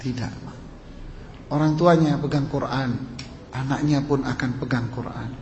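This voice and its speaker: A man's voice: mid-range voice, fairly even intonation, a little slow, darkish tone, dull audio. Man preaching in an echoey hall. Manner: storytelling, rhetorical questions, addresses listeners as sir. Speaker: Islamic preacher. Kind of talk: sermon. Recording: echoey hall with long reverb, faint noise.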